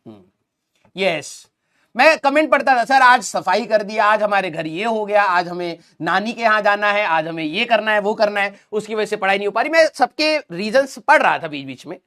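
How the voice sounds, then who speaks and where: A male online teacher with a sore throat, talking casually and affectionately with his students and speaking a little softly. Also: very high-pitched. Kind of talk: casual lecture to students, Hindi mixed with English.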